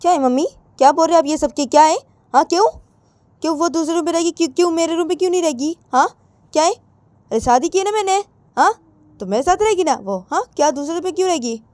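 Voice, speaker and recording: A woman's voice: a little high, measured pace, long pauses, dark tone, no room sound. A woman voicing an indignant young woman who fires off insistent questions.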